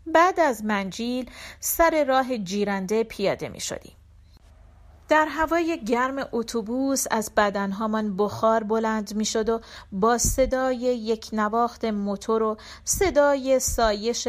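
A woman reading a short story for an audiobook in a measured, steady storytelling manner. Her voice sits fairly high for a woman. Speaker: audiobook narrator.

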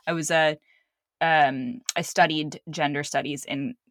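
A young woman filmmaker, a guest born in Saudi Arabia and raised in Lebanon, tells personal stories candidly and conversationally, rambling, restarting often, correcting herself and acting out quoted voices. Her voice is low-pitched with fairly even intonation, at a measured pace, with no echo.

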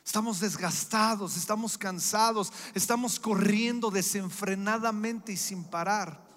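A man's voice: sits high, measured pace, a bit bright. A middle-aged man preaching a sermon, with an emphatic, repetitive cadence. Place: church hall. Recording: echoey hall with faint music.

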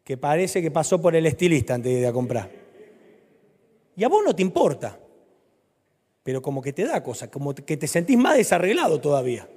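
Animated Rioplatense preacher in a reverberant hall. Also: male voice, a little high, fairly quick, pauses often, husky. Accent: Rioplatense Spanish. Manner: animated, swings from loud to soft. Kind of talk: sermon.

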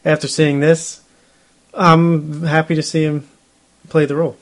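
A man's voice: on the high side, flat delivery, a little slow. A man casually discussing a movie with a friend, chatty, with frequent laughs and fillers. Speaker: movie review co-host.

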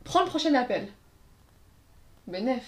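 A woman's voice: sits high, big pitch swings, measured pace. A woman telling casual anecdotes in a chat, acting out quotes and laughing along. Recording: roomy echo.

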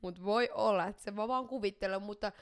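A young woman co-hosting a casual podcast chat, talking quickly and running words together when she gets excited. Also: medium pitch. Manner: talks fast, skips words when excited. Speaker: podcast co-host.

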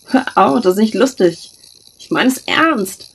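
Woman voicing a pouty chatterbox teen boy, whiny, insistent, higher and gravelly, a bit husky, storybook reading. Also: expressive, measured pace, heavily acted. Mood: indignant. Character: pouty talkative blond teenage boy.

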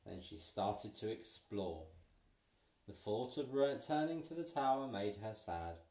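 A man reading a picture book aloud to a child, playful and pausing so the child can finish sentences. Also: on the low side, animated, darkish tone. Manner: playful, pauses for the child to fill in words. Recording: roomy, from a distance.

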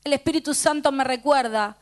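A fairly quick, high-sitting female voice belongs to a middle-aged pastor with a Rioplatense Spanish accent. During a sermon she passionately shares a personal testimony, repeating what the people in it said.

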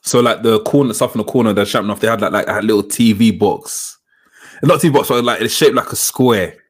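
Male co-host, lowish voice, loose conversational delivery that doubles back on phrases. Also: fairly quick, husky. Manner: repeats phrases for emphasis. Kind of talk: casual chat about wrestling on a live show.

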